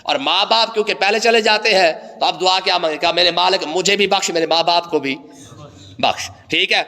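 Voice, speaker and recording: Guy teaching quran, high bright voice, repeats himself a lot, echoey hall sound. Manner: emphatic, repeats phrases, asks listeners rhetorical questions. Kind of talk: Quran commentary lesson.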